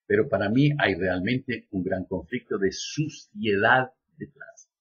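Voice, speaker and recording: A man giving a lecture, reading a text aloud at an even pace and adding slow joking asides. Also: lowish voice, slightly rough, lo-fi sound. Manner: reads steadily, then drops in slow joking asides. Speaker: lecturer on biodecoding.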